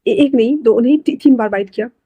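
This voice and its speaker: A woman's voice: fairly high pitch, fairly quick, husky, dry recording, highs cut off. A woman voicing a possessive young man who stammers as he insists and coaxes. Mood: anguished insistence. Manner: stammering, insistent, then soft and coaxing. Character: possessive, anguished young male alpha.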